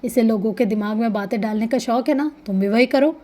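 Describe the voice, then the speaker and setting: A woman's voice: on the high side, darkish tone, natural voice. Woman doing a sly scheming older woman. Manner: sly, confident advising.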